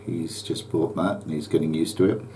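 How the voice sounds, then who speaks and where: An older man with a low, warm, mellow voice chats easily to the camera. He rambles a little with ums and uhs as he catches viewers up on his flying. There is a faint hiss behind him. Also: a little fast. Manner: relaxed and chatty, with many ums and uhs. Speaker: private pilot vlogger. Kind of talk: casual vlog chat.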